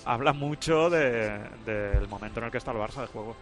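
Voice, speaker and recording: A man giving football analysis in a radio sports talk show, measured and analytical. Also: medium pitch, music in the background. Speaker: football commentator.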